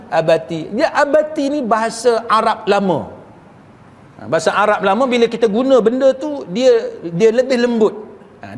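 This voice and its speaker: A man's voice: high-pitched, big-room sound. A male Islamic preacher gives a chatty religious lecture, often tossing rhetorical questions to his listeners. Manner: chatty, rhetorical questions to the audience, occasional chuckles.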